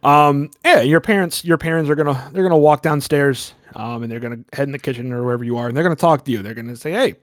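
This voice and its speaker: A man's voice: medium pitch, quick pace, few pauses, dry recording, clean studio sound. Rambling profane male game master. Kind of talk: narrating a horror tabletop game.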